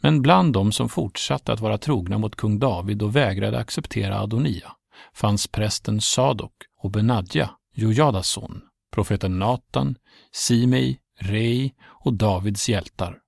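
Deep gravelly man narrating. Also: darkish tone, no echo, studio quality. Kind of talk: scripted narration of a Bible story.

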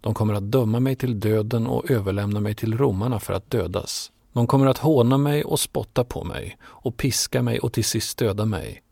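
A man voicing Jesus as a calm, grave male teacher, speaking in a measured, solemn way. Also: fairly low pitch, creaky, breathy edge, no room sound, clean studio sound.

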